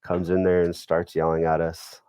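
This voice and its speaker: Very deep-voiced man telling family stories. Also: monotone, moderate pace, mellow, smooth, dry recording. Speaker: podcast guest. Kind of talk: casual storytelling.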